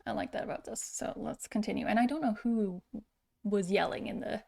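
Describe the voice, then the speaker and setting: A woman's voice: mid-range voice, a little fast, gravelly, a little mellow. A woman singer giving casual reaction commentary on a song, searching for words and stopping often with fillers.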